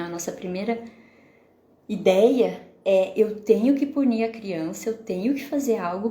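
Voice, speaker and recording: A woman therapist with a Brazilian Portuguese accent, hosting a live stream. She explains calmly and keeps checking in with the viewers with questions. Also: mid-range voice, echoey room. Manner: explanatory, asks the audience questions, frequent "né?".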